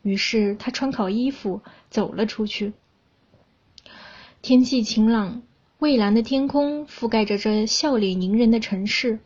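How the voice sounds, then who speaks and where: Young woman from china reading a story aloud, calm, bit husky, kinda muffled recording. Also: on the high side, unhurried. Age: young adult.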